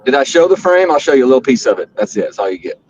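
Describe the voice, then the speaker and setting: A man's voice: medium pitch, sing-song, rapid-fire, a little mellow, highs cut off, slight background noise. A man chatting casually and joking while driving, calling in over a bad connection that keeps breaking up. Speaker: regular caller on a livestream chat show. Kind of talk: casual chat. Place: driving in a vehicle.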